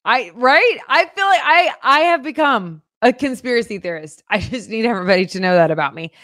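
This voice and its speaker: A woman's voice: a little high, lively intonation, brisk, a bit bright, no room sound, clean studio sound. Chatty upbeat woman co-hosting local news. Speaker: news show co-host. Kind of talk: casual local news chat.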